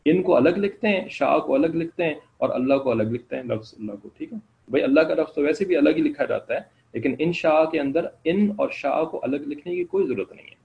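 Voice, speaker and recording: A man teaching an online class, explaining slowly and checking in with his students again and again. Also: fairly high pitch, gravelly, lo-fi sound. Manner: slow explanatory, keeps asking "ٹھیک ہے نا".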